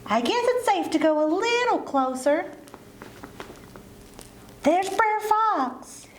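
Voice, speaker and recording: Woman voicing cheeky rabbit puppet, very high pitch, unhurried, folksy, wary, children's show. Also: animated, echoey room, slight background noise, full character voice.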